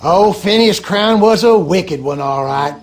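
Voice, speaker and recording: An actor voices a gossipy, superstitious backwoods husband in a video game, speaking with a rural Louisiana accent in folksy, drawling, colloquial style. His high male voice is animated but a little slow, with a friendly, storytelling mood.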